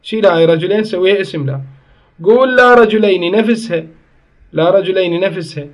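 A man's voice: sits high, a little fast. A man teaches a grammar lesson. He explains each point step by step, asks questions and answers them himself, and stops to correct his own slips. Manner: corrects himself mid-sentence.

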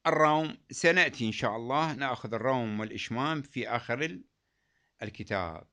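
A man's voice: medium pitch, animated, bright, forceful tone. A man teaching a lesson on recitation rules, explaining patiently and repeating key phrases, in a dull lo-fi recording. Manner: chants quoted verses slowly.

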